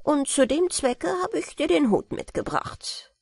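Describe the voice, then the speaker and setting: A woman's voice: high voice, big pitch swings, a little slow, darkish tone, no room sound, studio quality, voice pushed up, exaggerated voice. Woman reading as a sly old merman. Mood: sly, hearty. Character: old male merman, sly, hearty, fond of brandy.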